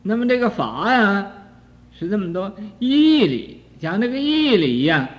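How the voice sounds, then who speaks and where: Older man giving a slow, lively Buddhist lecture. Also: sits high. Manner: slow, drawn-out delivery with frequent "ah" fillers, swinging between soft and loud. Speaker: Buddhist teacher. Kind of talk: dharma lecture on a sutra commentary. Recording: dull archival recording in a reverberant hall.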